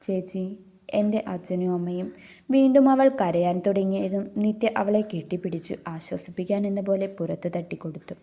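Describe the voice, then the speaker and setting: A woman narrating a love story in a steady, earnest reading style. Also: lowish voice.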